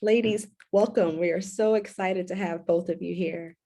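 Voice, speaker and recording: A woman host reading formal guest introductions and then moderating an arts panel over a video call, in a clear, measured way. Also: fairly low pitch, fairly even intonation, dark tone. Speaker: co-curator and host.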